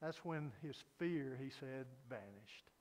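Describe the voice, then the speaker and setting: A man's voice: mid-range voice, animated, takes it slowly, a little mellow, big-room sound, poor audio. A man preaching an evening sermon at a pulpit microphone, telling a story earnestly with frequent hesitant fillers. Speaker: pastor.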